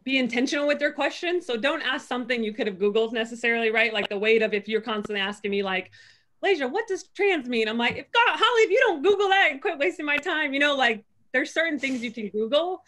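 A young adult woman speaking as a panelist on a video call from home. She talks in an earnest, reflective way, leaning on "like" and acting out her own inner thoughts in quick voices. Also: sits high, fairly bright tone. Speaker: panelist, pro basketball player. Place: home room. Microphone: video call, laptop webcam.

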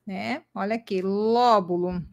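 Slow, patient woman teacher. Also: medium pitch, creaky, a little mellow. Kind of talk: online lesson with screen drawing.

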